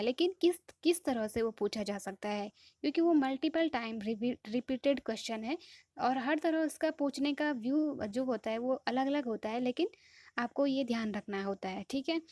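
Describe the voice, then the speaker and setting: A woman teaching an exam-prep lesson in a patient way, often pausing to check that students follow. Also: a little high, darkish tone, dry recording, studio quality. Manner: patient, repeats "ठीक है" to check understanding. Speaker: Hindi teacher.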